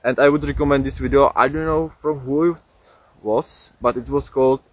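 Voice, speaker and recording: This young man, a livestream host, speaks English as a second language with a Czech accent. His mid-range voice keeps a steady tone as he talks casually, halting with many fillers and restarts. The recording is dry.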